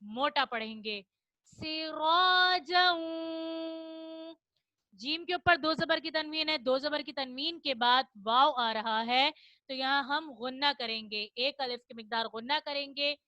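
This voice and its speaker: High, bright-voiced woman teaching slowly. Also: dry recording, dull audio. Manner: explains rules, then chants verses slowly for repetition. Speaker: Quran recitation teacher. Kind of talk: online children's tajweed lesson.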